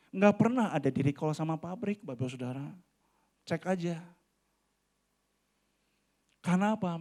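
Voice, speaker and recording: A man's voice: fairly high pitch, dark tone. A man in his forties preaching a sermon in a church, talking animatedly and often addressing the congregation directly. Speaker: pastor. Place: church hall.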